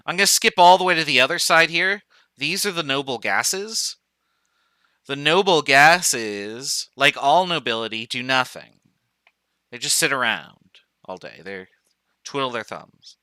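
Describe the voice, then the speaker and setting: Bright, crisp-voiced man lecturing casually. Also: medium pitch, expressive, a little slow, no room sound. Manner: casual, joking, thinks aloud with fillers. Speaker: chemistry professor. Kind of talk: online lecture.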